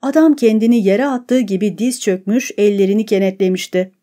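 A woman narrating an audiobook in a measured, steady reading. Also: medium pitch. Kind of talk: scripted narration.

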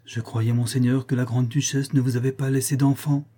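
A man's voice: mid-range voice, level tone, a little fast, dark tone, breathy edge, natural voice. A man voicing a tender, devout noblewoman in an audiobook reading, speaking with earnest admiration.

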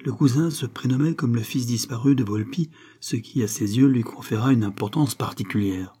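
A man narrating a crime novel as an audiobook in a measured, even way. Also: medium pitch, husky.

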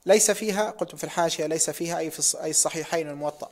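A man's voice: on the high side, racing. A man reading a hadith text aloud in a lesson, careful and precise, closing sections with pious formulas.

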